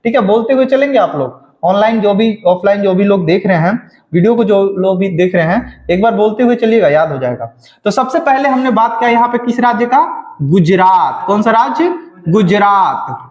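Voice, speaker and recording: A male teacher, giving a classroom lecture and drilling students by having them repeat lists after him. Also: sits high. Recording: echoey room, dull lo-fi sound.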